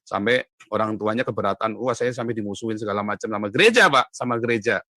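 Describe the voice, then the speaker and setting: A man recounts his life as an evangelist in an interview, his voice bright and forceful. He leans hard on key words, his pitch and volume climbing when he presses a point. The recording is dry and close. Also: fast, dry recording. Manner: emphatic, often rising sharply in pitch and loudness, addresses host as "Pak". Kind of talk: animated interview testimony. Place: Europe.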